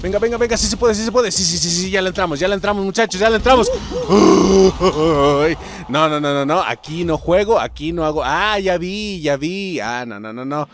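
A young man with a Mexican accent giving excitable live gameplay commentary, swearing and shouting at the game. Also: high-pitched, normal speed. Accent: Mexican Spanish. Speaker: gaming YouTuber.

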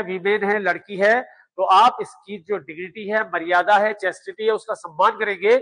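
Guy teaching a class, fairly high voice, keeps hammering points home, asks and answers his own questions. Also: fairly bright tone. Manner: emphatic, repetitive drilling, rhetorical questions. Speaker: law exam coaching teacher. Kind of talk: classroom lecture.

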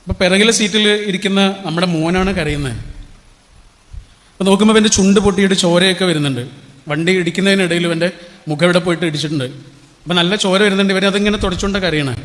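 A middle-aged man gives an inspirational speech in a fairly high voice. He tells stories and throws rhetorical questions to the crowd. A long reverb trails after his words in the hall. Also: fast talker, a bit bright. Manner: storytelling, rhetorical questions to the audience. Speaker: motivational speaker.

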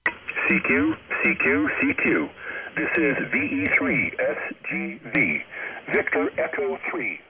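A man's voice: on the high side, huge pitch swings, takes it slowly, creaky, pauses often, crowd noise. A man, an amateur radio operator, calling out over fading shortwave radio reception and spelling his call sign phonetically. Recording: muffled shortwave radio with heavy static.

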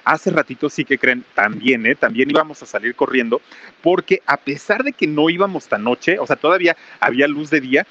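With heavy rain falling, a man stands under a small roof and hosts a live stream, calling out viewer greetings in a loud, casual way. His medium-pitched voice is bright and forceful. The camera mic, with crew close by, gives dull audio.

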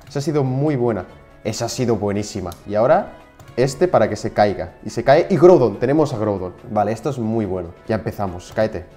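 Young male gaming creator, Spain Spanish accent, relaxed mellow voice, casual excitable play-by-play with frustrated outbursts. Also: medium pitch. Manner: excitable, shouts in frustration at the game. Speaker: gaming YouTuber. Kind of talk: casual gameplay commentary.

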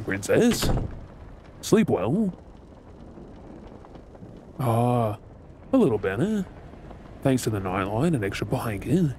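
Ship ambience and sound effects fill the background as an ASMR role-play performer from Australia takes on the part of a sardonic, menacing pirate captain, gruff outside but soft-hearted underneath. He speaks at a medium pitch with a darkish tone, in a commanding, swaggering manner.

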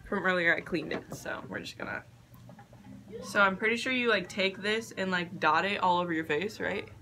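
A young woman vlogging casually, halting and unsure of herself, with a self-deprecating way of talking. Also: on the low side, sharp tone. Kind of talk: casual makeup vlog chat. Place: attic bedroom, indoors. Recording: faint background noise, room ambience.

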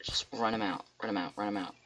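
A teenage boy with a cracking voice, rambling excitedly to himself as he plays a computer game. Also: fairly low pitch, fast talker, slight background noise, poor audio. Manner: excitable, rambling, talks to himself while playing. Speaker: gamer. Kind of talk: casual game commentary. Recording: loud keyboard clicks and typing.

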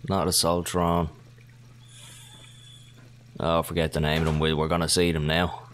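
A man giving casual let's-play commentary as he plays, swearing heavily and breaking into excitable outbursts. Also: low voice, normal speed, a little hiss or hum. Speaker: gaming commentator.

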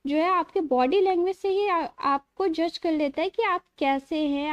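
A woman teaching a computer lesson, explaining points plainly and reading out definitions slowly. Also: very high voice, dry recording, highs cut off. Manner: explains in Hindi, then reads English definitions slowly. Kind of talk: classroom tutorial lecture.

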